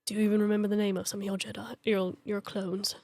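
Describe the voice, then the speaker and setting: A woman doing a bitter gravelly clone soldier. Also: level tone, fast, darkish tone, dry recording, lightly acted. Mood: accusing. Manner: tries a gravelly low voice, slips into whispers.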